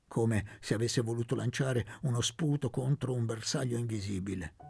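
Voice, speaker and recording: A man reading a novel aloud as an audiobook narrator, in a measured, steady way. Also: mid-range voice, vocal fry. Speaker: audiobook reader. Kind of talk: scripted narration.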